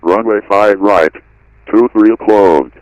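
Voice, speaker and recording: A man's voice reading an automated airport weather broadcast over the radio, reciting numbers and runway notes in an even, clipped way. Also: on the low side, slow pace, dry recording, muffled recording. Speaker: automated airport information recording.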